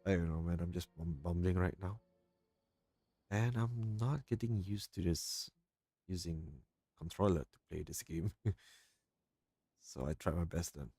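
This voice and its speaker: A man casually chatting while gaming, speaking softly and haltingly into a home mic. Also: low-pitched, slightly rough, no room sound. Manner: soft-spoken, halting, hushed. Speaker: game streamer. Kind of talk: casual gameplay commentary. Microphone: newly set up home mic. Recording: home mic with game music behind.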